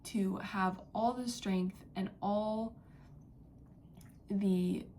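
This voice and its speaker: Young woman doing a psychic message, slow and drifty, lots of likes and ums, sometimes whispery, mid voice, faint hum behind. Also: medium pitch, fairly even intonation. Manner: dreamy, halting, many fillers, drifts into soft whispers. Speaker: psychic channeler. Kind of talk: spiritual channeling message. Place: indoors near a window, street and birds outside.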